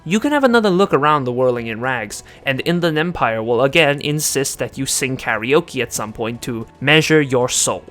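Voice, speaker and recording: A man's voice: medium pitch, expressive, moderate pace, few pauses, fairly bright tone, soft background music. A man hosting a video essay in scripted commentary, sarcastic and joking.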